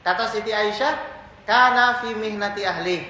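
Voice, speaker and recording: A male preacher with a bright, somewhat high voice speaks in a casual, teasing style as he tells stories to a live audience. The talk is recorded live in an echoey hall, with faint noise underneath. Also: normal speed. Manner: conversational, teasing, storytelling, addresses women in audience.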